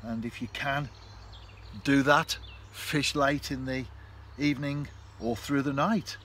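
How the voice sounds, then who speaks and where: Slow and reflective, a mid-range-voiced fishing vlogger chats to the camera as he fishes on a canal bank. The camera is close in front of him, and his narration is easygoing. Faint outdoor noise from birds and the countryside sits behind his voice.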